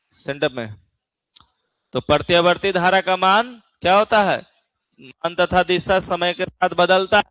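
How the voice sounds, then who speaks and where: A man's voice: fairly high pitch, fairly bright tone, clear, resonant tone, dry recording. A middle-aged man with a Bihari accent teaching an exam-prep physics class in a folksy way, often checking in with his students. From Bihar, India.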